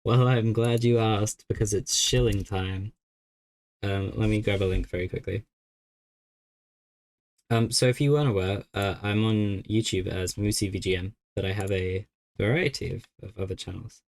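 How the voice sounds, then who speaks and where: Young guy, kinda low voice, easygoing streamer thinking out loud. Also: fairly even intonation, normal speed. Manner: easygoing, thinks aloud while puzzling. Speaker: game streamer. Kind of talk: casual live-stream chat.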